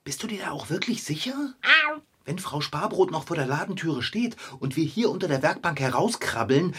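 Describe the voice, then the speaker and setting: A man voicing an excitable, easily panicked male bicycle mechanic in a children's radio play. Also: a little high, normal speed, husky, exaggerated voice. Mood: anxious.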